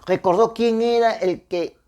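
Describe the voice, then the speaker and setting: A man's voice: high-pitched, fairly even intonation, unhurried, a little mellow, lo-fi sound. A man delivers a short devotional sermon in a conversational tone. He reads scripture and then reflects on it, addressing his listeners directly and often asking them to agree. His phrasing is loose, with restarts along the way. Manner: conversational, with frequent tag questions and restarts. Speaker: preacher. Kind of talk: informal devotional sermon with Bible reading.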